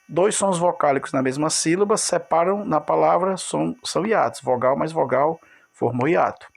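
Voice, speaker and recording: A male teacher records a video lesson, walking his students through each point and repeating key words for emphasis. His voice sits slightly high and carries a gravelly, creaky texture. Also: normal speed. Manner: explains step by step, repeats key words, addresses students directly.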